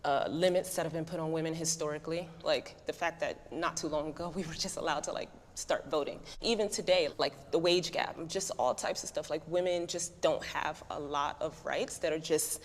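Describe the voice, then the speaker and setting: Low-voiced woman speaking earnestly. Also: fairly even intonation, moderate pace, hardly any pauses, long reverb tail. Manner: earnest, conversational, uses "like". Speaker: writer and poet, debate guest. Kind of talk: opinion interview.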